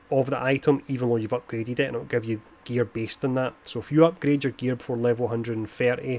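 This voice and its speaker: A man's voice: medium pitch, creaky, darkish tone. A man streaming a video game, casually explaining its gear system between chatter with players, in a self-described posh voice. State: had a beer. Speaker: gaming streamer. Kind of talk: casual live-stream commentary.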